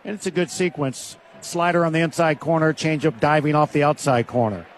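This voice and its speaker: A man breaking down the baseball action as a radio color analyst. He talks in a relaxed, conversational way with a voice that sits a little high. A faint hiss of noise runs under his voice. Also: brisk.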